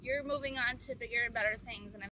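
A woman with a bright, fairly high voice talks through motivational advice in an earnest, casual way. She speaks from inside a car, with a faint hum of the vehicle behind her. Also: quick pace, poor audio. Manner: earnest, advice-giving, loose with fillers. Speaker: vlogger.

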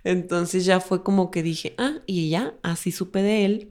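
A woman, co-hosting a podcast in casual chat. Her voice sits a little low. She tells stories playfully and quotes herself as she goes. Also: steady tone, measured pace, darkish tone. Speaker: podcast co-host.

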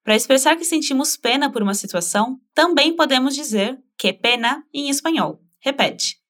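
A woman teaching a language lesson in a slightly high voice. She is patient and encouraging, modeling each phrase slowly and asking the listener to repeat after her. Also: lively intonation, a bit bright.

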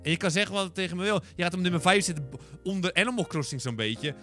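A man's voice: high voice, very fast, fairly bright tone, faint music behind. A young man co-hosting a gaming podcast in casual chat, stubborn and exasperated as he argues.

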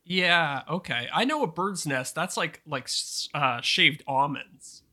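A man's voice: a little high, expressive, slow, pushed and bright. A man from Canada co-hosting a podcast in casual chat, chatty and self-deprecating, laughing often. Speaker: podcast co-host.

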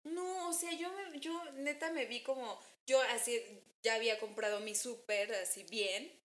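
A young woman with a Mexican accent chatting casually, telling stories and acting out quotes with sudden jumps in pitch. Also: moderate pace, reverberant. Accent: Mexican Spanish. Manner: animated storytelling, acts out quotes with jumps in pitch. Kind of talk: casual chat.

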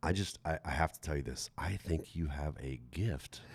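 Guy doing a kind teacher lady, soft and earnest, low voice. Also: moderate pace, husky, dry recording, full character voice. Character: kind female German teacher, gentle.

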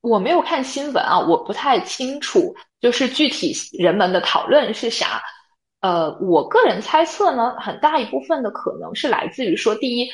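A woman's voice: a little high, big pitch swings, normal speed, reverberant, poor audio. A woman co-hosting a podcast, explaining her views point by point in a casual analytical chat. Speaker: podcast co-host.

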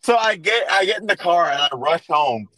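Bright-voiced rambling man telling a story. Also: sits high, expressive, moderate pace, dry recording, rough recording. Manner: rambling storyteller, many restarts and fillers. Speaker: podcast host. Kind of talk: casual chat.

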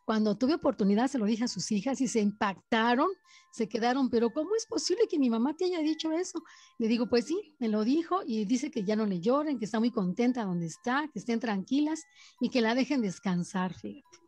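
High-voiced woman telling ghost stories. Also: brisk, no echo. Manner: animated, keeps asking the listener to imagine. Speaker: guest telling spirit encounters. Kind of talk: casual storytelling.

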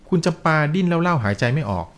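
A man narrating a ghost story to a listener in a lively, polite way, peppering it with polite particles. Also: fairly high pitch, quick pace.

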